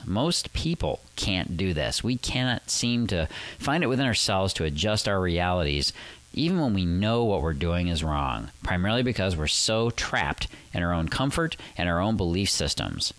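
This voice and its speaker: A male podcast host, raspy and recovering from flu, talking persuasively and emphatically about dating, then interviewing a guest. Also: low voice, a bit bright. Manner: persuasive, emphatic, rising on key lines.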